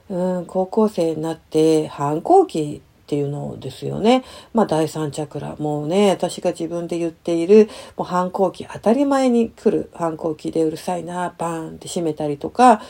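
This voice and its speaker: A middle-aged woman counselor telling a personal story softly and hesitantly, with many fillers and lively sound words. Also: fairly low pitch, vocal fry.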